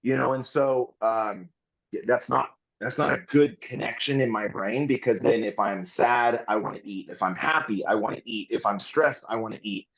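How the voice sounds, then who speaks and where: A man's voice: medium pitch, normal speed, a bit bright, lo-fi sound. A man guesting on a podcast, talking candidly and earnestly in long rambling runs with frequent restarts.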